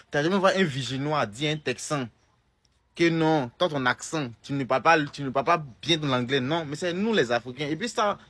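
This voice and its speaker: Answering a comment in a laid-back video, a young Ivorian content creator speaks with a French accent from Côte d'Ivoire. He has a medium-pitched, fairly bright voice, talks with emphasis, and often goes back to repeat or restart what he's saying.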